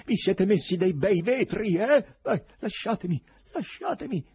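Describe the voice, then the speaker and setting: A man voicing an agitated young male poet who shouts shrilly, with a husky voice, in an audiobook. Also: big pitch swings, normal speed, heavily acted. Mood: furious. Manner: high-pitched, shrill shouting. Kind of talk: audiobook character voice.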